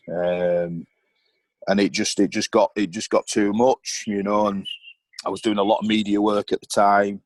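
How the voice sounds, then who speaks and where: Deep-voiced man telling candid stories. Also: no room sound, low-quality recording. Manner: rambling, frequent ums and you knows. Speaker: guest, former footballer and club board member. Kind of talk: candid podcast storytelling.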